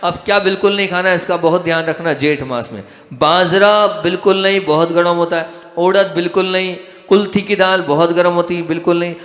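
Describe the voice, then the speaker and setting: In an echoing hall, a man with a fairly even, bright, high-sitting voice delivers a devotional lecture about what to eat by season. He rattles off foods quickly and presses warnings on his audience.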